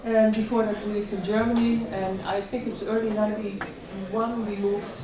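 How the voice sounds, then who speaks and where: In a large, very echoey room at an employment event, a distant microphone records a middle-aged woman from the Netherlands amid noticeable crowd sound. She is the invited speaker, giving a personal, slide-backed motivational talk about her career. Her mid-range voice is flat and moderately paced, and she leans on repetition for emphasis while keeping things conversational.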